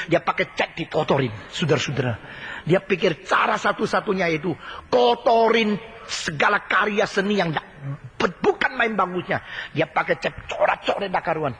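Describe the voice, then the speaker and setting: High-voiced preacher in an echoing hall. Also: male voice, a bit bright. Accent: Indonesian. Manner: dramatic, swings between soaring high cries and low murmurs, acts out quotes. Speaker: pastor. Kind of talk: expository sermon. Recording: long hall reverb, sermon recording.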